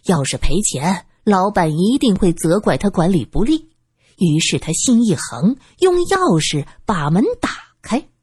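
Husky, expressive female storyteller. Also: lowish voice, measured pace, no room sound, studio quality. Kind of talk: storybook narration.

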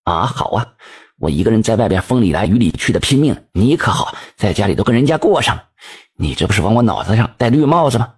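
A man voicing a middle-aged shopkeeper, quick to anger but holding himself back. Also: on the low side, big pitch swings, husky. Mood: furious. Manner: blustering, exclaiming. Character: middle-aged male shopkeeper, hot-tempered but restrained.

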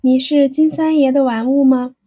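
A woman's voice: sits high, steady tone, normal speed, mellow, lightly acted. Woman reading as a pushy teasing young lady. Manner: pressing, teasing. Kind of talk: audiobook character reading.

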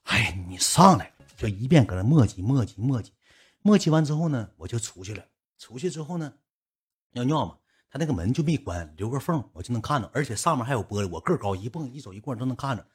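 Fast-talking husky Northeastern Mandarin man. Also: medium pitch. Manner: rambling, colloquial, lively. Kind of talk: comic storytelling.

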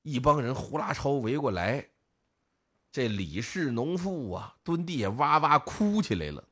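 Animated male storyteller. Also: mid-range voice, a little slow, breathy edge. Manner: lively storyteller, acts out village voices, northern colloquial. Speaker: podcast co-host telling a folk tale. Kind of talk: casual storytelling chat.

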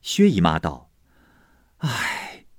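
A man reads a classic novel aloud as an audiobook, in an expressive, measured way. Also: deep voice, husky, no room sound, studio quality. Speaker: storyteller.

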